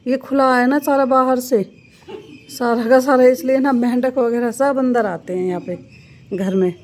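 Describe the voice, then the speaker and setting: A woman's voice: high-pitched, steady tone, normal speed, a little hiss or hum. A young woman and mother chatting casually in a home vlog, coaxing her children in a sing-song way. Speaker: vlogger and mother. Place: outdoors at home in the rain.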